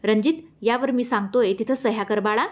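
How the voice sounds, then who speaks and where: A woman's voice: on the high side, brisk, close to an everyday voice. A woman reading a story aloud, voicing a pushy middle-aged male lawyer who is insistent and falsely polite. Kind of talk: audiobook character voice.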